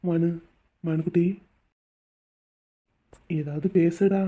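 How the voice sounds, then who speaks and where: A woman voicing a devoted rich young man in a cartoon drama, husky and pleading. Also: fairly low pitch, fairly even intonation, extremely slow, dark tone. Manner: pleading, tender. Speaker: voice actor. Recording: tinny phone-like audio.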